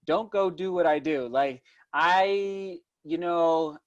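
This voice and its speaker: High-pitched man chatting in an interview. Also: takes it slowly, highs cut off. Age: 30s. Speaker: interview guest, distance runner and vlogger. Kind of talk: casual conversational interview.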